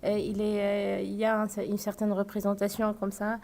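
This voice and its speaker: Halting young Tunisian-accented woman. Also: mid-range voice, completely flat delivery, vocal fry, a little mellow. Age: young adult. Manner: halting, heavy on fillers. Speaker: language student. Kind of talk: radio interview answers.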